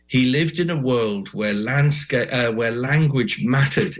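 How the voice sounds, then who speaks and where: A British man in his forties, an oral storyteller talking reflectively and eloquently in an interview, in unhurried poetic phrases. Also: medium pitch, low-quality recording. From Britain. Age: 40s.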